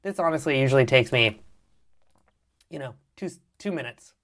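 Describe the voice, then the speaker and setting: A man presenting a live 3D animation tutorial, with a slight vocal fry and frequent throat clearing, narrating each click and step as he works. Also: mid-range voice, animated, moderate pace, a bit bright. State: keeps clearing his throat. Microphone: mic with problems on a livestream.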